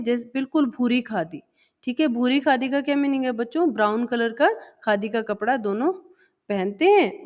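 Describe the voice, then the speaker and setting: A woman teaching a first-grade Hindi lesson, patiently repeating words and asking the children questions. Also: on the high side. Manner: chants the poem slowly and sing-song. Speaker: primary school Hindi teacher. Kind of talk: explaining a textbook lesson to young children. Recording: dull lo-fi sound with long reverb.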